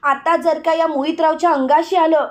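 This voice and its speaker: Brief: woman narrator as a cornered schemer, high voice, defensive and evasive. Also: fairly even intonation, moderate pace, lightly acted. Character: frightened scheming young woman.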